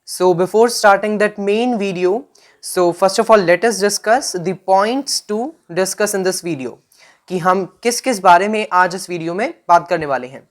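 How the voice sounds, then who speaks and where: An Indian English woman teaches grammar from slides at a very slow, deliberate pace. She moves back and forth between Hindi and English. She often pauses to check in with "right?" or "fine". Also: medium pitch. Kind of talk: slide-based grammar lesson.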